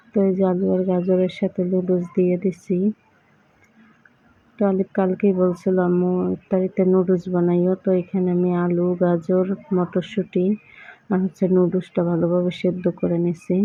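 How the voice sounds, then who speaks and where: A woman's voice: lowish voice, dry recording, narrow, tinny audio. A woman, narrating a casual home cooking vlog while ill with a sore throat and fever. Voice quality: husky, strained from sore throat. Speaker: vlogger. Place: home kitchen. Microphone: phone held in one hand.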